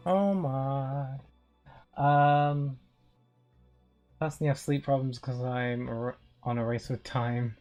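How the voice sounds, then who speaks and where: A man's voice: medium pitch, fairly even intonation, slow, long pauses, a little mellow, faint music behind. A man casually chatting on a live stream as he plays a game, reacting aloud to what happens on screen. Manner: reacts aloud to gameplay with exclamations.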